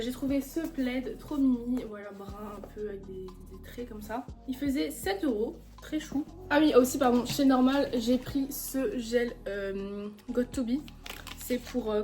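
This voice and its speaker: A woman's voice: fairly high pitch, a little mellow. A young woman chatting casually in a haul vlog, gushing with enthusiasm over her purchases, with music playing behind her. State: a little out of breath. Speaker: vlogger. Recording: background music.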